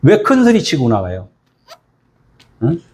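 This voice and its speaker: A man's voice: on the high side, huge pitch swings, measured pace, darkish tone. A male pastor giving a sermon, firing rhetorical questions at the congregation.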